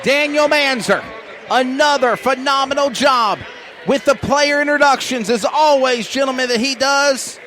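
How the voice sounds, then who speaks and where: Male play-by-play host for a pregame show, very high-pitched voice, clear gym noise behind. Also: measured pace, bright, forceful tone, some chatter behind. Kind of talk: sports broadcast pregame hosting. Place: gymnasium.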